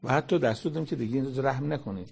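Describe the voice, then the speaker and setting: A man's voice: mid-range voice, vocal fry, a little mellow, slight background noise. A man giving a conversational religious lecture, explaining scripture in everyday speech and quoting Arabic verses. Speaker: Quran commentator.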